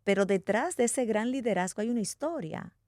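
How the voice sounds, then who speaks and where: A woman's voice: mid-range voice, animated, fairly quick, dark tone, no room sound, studio quality. A woman hosting an interview, asking encouraging questions and affirming her guest's answers. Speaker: interviewer host.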